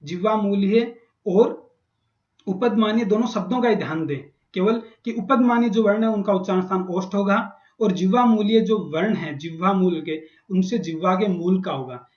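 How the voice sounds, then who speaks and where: A man's voice: high-pitched, moderate pace, a little mellow. A man teaching Sanskrit grammar in a lecture, patiently repeating and spelling out sounds. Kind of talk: classroom lecture explaining grammar. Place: college classroom. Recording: echoey dull classroom recording.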